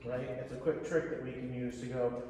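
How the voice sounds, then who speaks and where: A man leading a choir rehearsal warm-up as vocal coach, explaining resonance and breaking into short sung vowel sounds. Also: mid-range voice, fairly even intonation, normal speed. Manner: demonstrates sung vowel sounds between instructions. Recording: echoey hall heard from far off.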